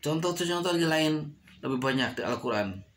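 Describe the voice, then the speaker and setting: A man's voice: a little high, expressive, a bit bright. A man teaching Quran recitation rules, drawing out and repeating each recited example word. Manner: slow, drawn-out demonstrations of recited words, repeating each example. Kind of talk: tajwid lesson.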